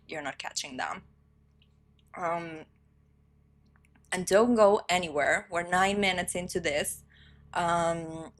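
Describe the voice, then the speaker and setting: Female stream co-host, low-pitched, unhurried casual chatter. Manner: slow, chatty, slangy. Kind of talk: casual live-stream chat.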